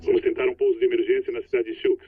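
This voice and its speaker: A man voicing an airline captain, speaking to passengers over the cockpit public address system in a measured, grave and direct way. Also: very high voice, huge pitch swings, gravelly, narrow, tinny audio, full character voice. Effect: cockpit public address announcement. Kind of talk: dubbed documentary reenactment. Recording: loud engine noise, distant announcement. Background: roaring aircraft noise.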